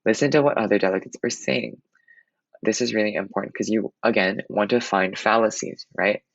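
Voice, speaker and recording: Young guy teaching public speaking, gravelly voice, kinda muffled dry mic. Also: on the low side, fairly even intonation, a little fast, no echo. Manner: earnest, advice-giving, with occasional restarts and fillers. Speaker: Model UN public speaking instructor. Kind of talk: instructional talk.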